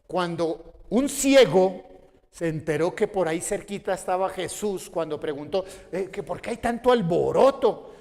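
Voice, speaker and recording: A man preaching a sermon as pastor, asking the congregation questions and rising to shouts. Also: high voice, long reverb tail. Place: church hall.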